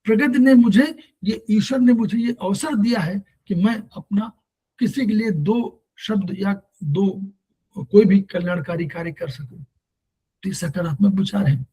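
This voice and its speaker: A man's voice: sits high, measured pace, warm tone, husky, rough recording. A man teaching naturopathy in a spoken lecture. He asks his listeners questions and recites Sanskrit verses as he goes.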